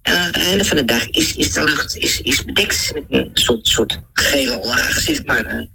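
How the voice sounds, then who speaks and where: A man whose voice is distorted by pitch shifting to hide who he is, giving casual interview answers with many halting restarts and repeated words. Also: lively intonation, vocal fry, background noise. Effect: voice distorted by pitch shifting to hide identity. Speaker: interviewee with conspiracy beliefs.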